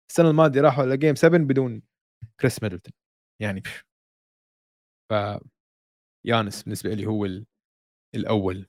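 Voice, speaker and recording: A man's voice: medium pitch, no room sound, clean studio sound. A man with a Levantine Arabic accent in casual sports talk, speaking emphatically and dropping in English words and slang. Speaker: sports talk show co-host. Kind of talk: casual basketball discussion.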